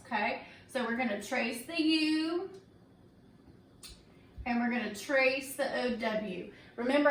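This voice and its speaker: A woman teaching a reading lesson to young students, speaking slowly and patiently and checking in often with "okay?". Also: high voice. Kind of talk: recorded tutorial for young students. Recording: echoey room, distant from the mic, faint hiss.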